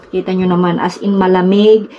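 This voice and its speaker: A woman's voice: fairly low pitch, flat delivery, normal speed, warm tone, muffled recording, a little hiss or hum. A woman from the Philippines, chatting casually to her viewers outdoors on a city street. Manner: chatty, keeps addressing viewers. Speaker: vlogger. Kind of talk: casual vlog chat to viewers.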